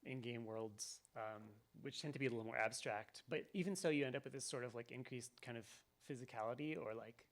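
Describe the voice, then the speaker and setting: Thoughtful game developer with a gravelly voice. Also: male voice, mid-range voice, fairly quick, hardly any pauses. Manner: thoughtful, rambling, many ums and restarts. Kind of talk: live developer commentary. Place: event venue with audience.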